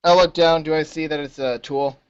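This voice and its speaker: A man playing a tabletop role-playing game, speaking as his sleepy guard character with groggy, loud outbursts. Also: on the high side, steady tone, fairly quick, smooth, highs cut off. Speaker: player.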